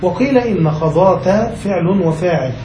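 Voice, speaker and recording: A man's voice: high-pitched, normal speed, echoey room, background noise. A man, a sheikh, teaching a classical grammar text, reading a passage and then explaining it, often checking whether his students follow.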